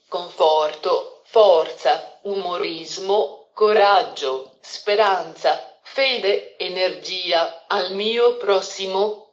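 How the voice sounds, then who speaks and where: A female synthetic text-to-speech computer voice reading out a personal letter with a steady, unhurried machine delivery. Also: mid-range voice. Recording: roomy, dull lo-fi playback.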